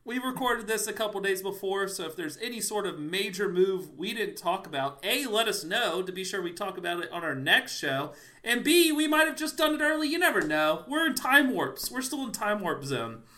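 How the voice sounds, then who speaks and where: A man's voice: sits high, big pitch swings, normal speed, sharp tone. A man hosting a podcast in casual chat, teasing his co-host playfully.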